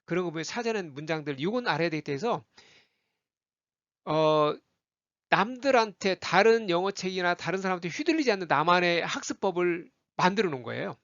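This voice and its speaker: An animated male teacher who walks through pronunciation drills, saying each example word again and again with a lively, swooping pitch. The sound is dry and a little muffled, as if recorded close to the mic in a dead room. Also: fairly quick, dry recording. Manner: animated, repeats example words many times for the listener to copy. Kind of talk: spoken English lesson with repeated drills.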